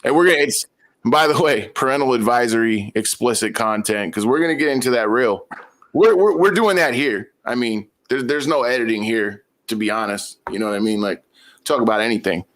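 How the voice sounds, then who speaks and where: A man's voice: mid-range voice, expressive, brisk, a bit bright. A man hosting a casual podcast chat, rambling with many fillers and hyping the show. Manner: rambling, lots of fillers, hyped. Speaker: podcast host.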